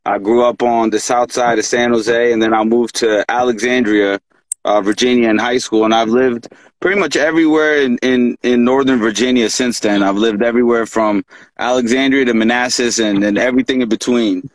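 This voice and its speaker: A man's voice: medium pitch, normal speed, dry recording, low-quality recording. Laid-back man on a dry video call. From Pakistan. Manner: relaxed, easygoing, says "you know" and "man" often. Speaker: rapper guest. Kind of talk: casual chat on a livestream.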